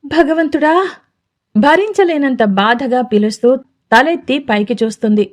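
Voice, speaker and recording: A woman storyteller narrating a romantic audio story in a smooth, measured way. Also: fairly high pitch.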